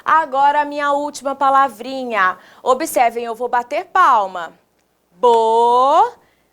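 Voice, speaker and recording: High-voiced Brazilian teacher sounding out syllables. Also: female voice, a bit bright. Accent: Brazilian Portuguese. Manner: slow, exaggerated syllable-by-syllable pronunciation with questions to the viewers; sing-song, encouraging teacher talk. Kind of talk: recorded classroom video lesson for young children.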